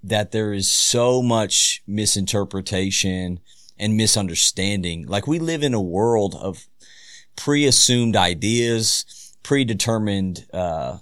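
Slow, low-voiced pastor. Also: male voice, no echo, clean studio sound. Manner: laughs easily, relaxed storytelling. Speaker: pastor and podcast host. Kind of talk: casual podcast chat.

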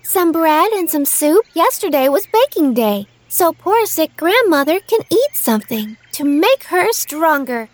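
Storybook heroine: a cheerful, trusting little girl with a high, eager voice, played by a woman. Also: sing-song, a little slow, few pauses, full character voice. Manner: eager, innocent. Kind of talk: storybook read-aloud.

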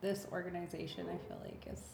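A woman with a low, gravelly voice gently prompts a guest in a conversational interview. Her voice rings in a roomy space, with steady background noise behind her. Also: fast talker. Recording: echoey room with noticeable background noise.

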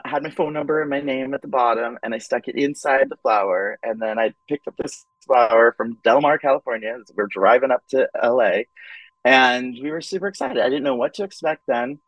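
Man guest on podcast, lively storyteller, acts out quotes, mid pitch, dry studio sound. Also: moderate pace, no room sound, lo-fi sound. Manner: animated, acts out quoted voices, frequent "like" and "um". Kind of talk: casual storytelling.

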